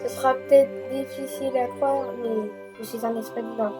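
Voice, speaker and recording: A benevolent spirit from a fantasy game speaks softly and solemnly, as a woman puts it on. Game music plays quietly behind. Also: fairly high pitch, steady tone, normal speed, close to an everyday voice. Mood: gentle solemn. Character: kindly divine spirit, gentle and solemn.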